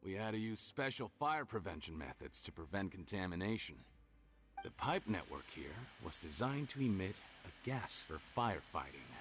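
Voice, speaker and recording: In a low, very animated voice at normal speed, a man plays a scheming, mocking criminal villain in scripted video game dialogue. His delivery is theatrical, gloating and sneering.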